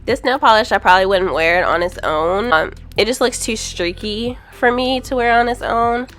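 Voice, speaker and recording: Her voice is a little high and fairly bright, moving at normal speed over soft background music. She's stuffed up from a cold and reviews nail polish casually in this voice-over, often saying "um" and giving honest takes.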